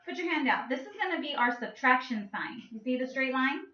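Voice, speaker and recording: A woman's voice: high-pitched, lively intonation, fairly quick, sharp tone. A woman teaching a children's math lesson through a story, playful and coaxing, stretching out her words. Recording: echoey room with a muffled sound.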